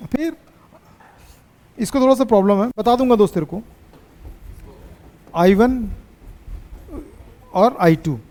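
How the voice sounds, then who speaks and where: A man teaching a physics class, teasing his students and pushing them to answer quickly. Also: high-pitched, expressive, darkish tone, in a large hall.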